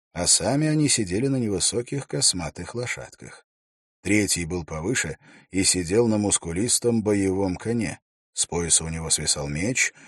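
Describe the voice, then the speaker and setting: Deep husky guy reading an audiobook, steady storytelling, dry close sound. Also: no room sound. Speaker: audiobook narrator. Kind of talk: scripted audiobook narration.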